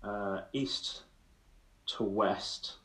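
A man playing a quiz, slowly talking through his answer. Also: fairly low pitch, bright, forceful tone, reverberant, poor audio. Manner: slow, thinking aloud. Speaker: quiz contestant. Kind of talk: casual quiz chat.

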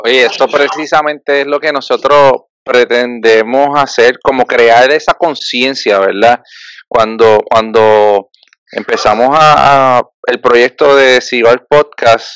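A man's voice: mid-range voice, slow pace, a bit bright, smooth, dry recording. A man with a Puerto Rican Spanish accent hosting a podcast, speaking passionately and colloquially. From Puerto Rico. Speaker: podcast host. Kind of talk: podcast conversation.

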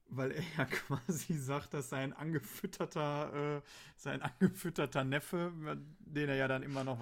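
A man talking in a loose, rambling way, filling his sentences with ums and ahs. He chats casually about a radio play. Now and then he slips into quick acted quotes. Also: medium pitch. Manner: rambling, many fillers, acts out quotes. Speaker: podcast co-host.

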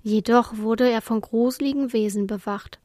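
A woman reading the part of a lonely, gentle female ship spirit who sighs as she tells her story, in a storybook reading. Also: on the high side, fairly even intonation, normal speed, no room sound, studio quality, natural voice. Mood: wistful.

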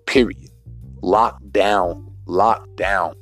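A man hosting a solo podcast rant, profane and emphatic, in street slang, repeating his points and spelling words out slowly. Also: low-pitched, fairly even intonation, fairly bright tone, faint music behind. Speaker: podcast host.

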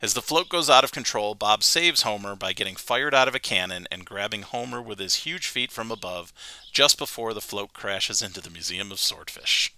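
A man's voice: on the low side, bright, forceful tone. A man hosting a casual podcast chat, summarizing a cartoon episode at length and laughing often. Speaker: podcast host.

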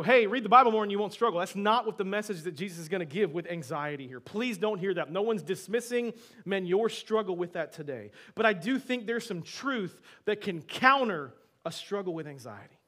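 Higher-voiced pastor preaching conversationally. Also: male voice. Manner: conversational, with frequent rhetorical questions to the congregation; shifts between soft asides and emphatic bursts. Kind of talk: sermon. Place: church before a congregation.

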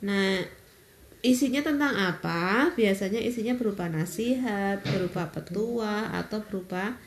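A woman, patiently explaining step by step with pauses in an informal interview. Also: medium pitch, roomy sound, a little hiss or hum. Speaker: interviewed mother explaining a school lesson.

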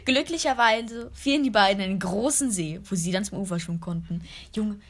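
Woman, casual group story reading, slightly husky voice, mid pitch, side remarks. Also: brisk. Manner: reads with frequent laughter and side remarks. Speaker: narrator of a group read-aloud.

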